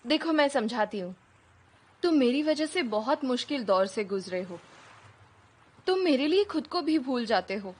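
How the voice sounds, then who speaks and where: A woman's voice: high-pitched, expressive, normal speed, long pauses, darkish tone, husky. An actress dubbing a restless young woman who scolds and reasons with a lovesick suitor in drama dialogue. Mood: reasoning. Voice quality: scolding, exasperated. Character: restless young woman, exasperated and sharp-tongued. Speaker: dubbed drama lead.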